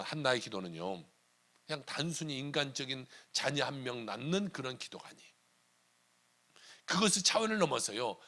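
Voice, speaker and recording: A man preaching from the pulpit of a church, his voice raised, gravelly and very bright. He stresses his points with rhetorical questions and at times drops almost to a whisper before building up again. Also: fairly high pitch. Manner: emphatic preaching with rhetorical questions, now and then dropping to a hush. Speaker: pastor. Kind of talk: Sunday sermon. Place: church sanctuary.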